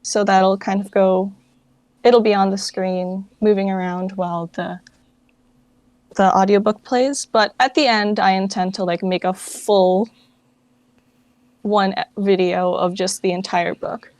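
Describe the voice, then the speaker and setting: In a dry recording, a woman speaks steadily and a little slowly in a darkish mid-range voice. Founder of a fan dub project, she chats as an interview guest, informal and hesitant, scattering "like" and similar fillers throughout.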